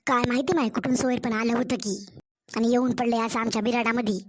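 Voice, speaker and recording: A woman voicing a complaining, sharp-tongued mother-in-law in a cartoon story, with a Marathwada Marathi accent. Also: fairly high pitch, steady tone, fast talker, close to an everyday voice. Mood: scolding. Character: scolding nagging middle-aged mother-in-law.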